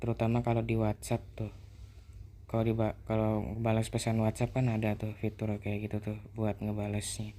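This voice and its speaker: A man's voice: on the low side, normal speed. A man, chatting casually as a vlogger about his experiences with an app. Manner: relaxed, conversational explaining. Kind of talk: casual chat.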